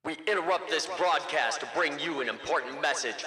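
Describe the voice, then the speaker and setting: A man making an urgent emergency broadcast interruption announcement, shouted like an alert. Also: on the high side, fairly quick. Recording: echoey distant announcement over loud music.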